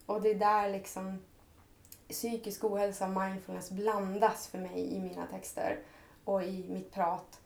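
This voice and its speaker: A woman speaking as a podcast guest, earnest and heartfelt, letting her thoughts run on in long flowing sentences. Her voice sits at an ordinary middle pitch. The room around her rings with a noticeable echo. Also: flat delivery, gravelly. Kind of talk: reflective personal conversation.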